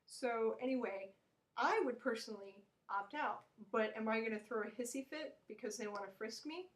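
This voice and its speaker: A woman's voice: normal speed, low-quality recording. An American woman vlogger delivering a blunt, opinionated, rambling rant to camera, with frequent restarts. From United States. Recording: low-volume home recording.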